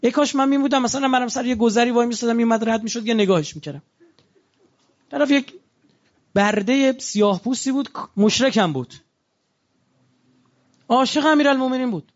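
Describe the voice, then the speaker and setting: A man's voice: extremely high pitch, pauses often, lo-fi sound. A man preaching a religious sermon in a conversational way, asking his listeners rhetorical questions.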